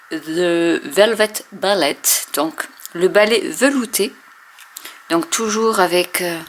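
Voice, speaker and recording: A woman casually showing and testing inks, hesitating often with many fillers and often trailing off softly. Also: mid-range voice, slight background noise. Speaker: craft video host. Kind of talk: casual product demo.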